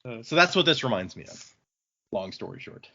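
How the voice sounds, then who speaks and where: A man with a sing-song, creaky mid-range voice and a sharp tone recaps a novel fairly quickly for a casual book podcast. He loosely voices the characters' lines, talks conversationally and swears some. The sound is lo-fi.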